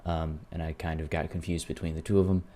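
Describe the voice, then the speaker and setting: A man narrating his own gameplay in a casual, wry and self-deprecating storytelling voice-over, with a gravelly creak. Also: a bass voice, flat delivery, fast talker, dark tone. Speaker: video creator narrating gameplay.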